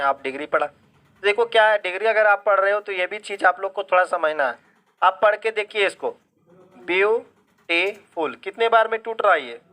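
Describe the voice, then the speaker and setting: High, bright-voiced man teaching grammar. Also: smooth. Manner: keeps checking if students understand; asks questions then answers them himself. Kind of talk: live online class.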